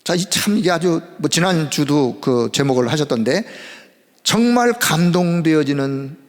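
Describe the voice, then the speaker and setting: A male pastor delivering a midweek sermon in animated, emphatic preaching, in a church sanctuary with a long reverb. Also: on the high side, measured pace.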